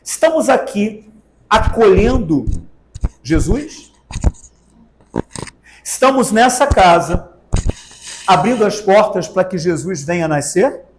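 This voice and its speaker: A man's voice: high voice, expressive, takes it slowly, pauses often, a little hiss or hum. A man with a Brazilian accent giving a spiritist talk to an audience, asking rhetorical questions and drawing out words for emphasis. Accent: Brazilian Portuguese. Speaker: spiritist lecturer. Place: spiritist center meeting hall. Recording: echoey hall.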